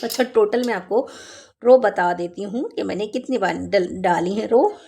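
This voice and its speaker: A woman's voice: medium pitch, normal speed, warm tone, slight background noise. A woman with a cold teaching a knitting tutorial, patiently counting stitches aloud and explaining each step. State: has a cold, voice a bit rough.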